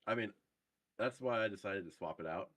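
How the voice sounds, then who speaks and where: Deep-voiced man on group voice chat. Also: a bit bright, dry recording. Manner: hesitant, halting with many fillers. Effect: heard over group voice chat. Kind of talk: casual gaming chat.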